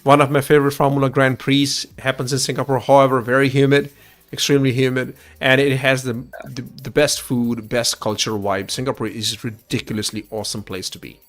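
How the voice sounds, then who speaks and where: A man's voice: mid-range voice, little pitch movement, a little fast, fairly bright tone, faint music behind. A man with an Indian accent hosting a call-in livestream, talking enthusiastically in casual chat with frequent restarts.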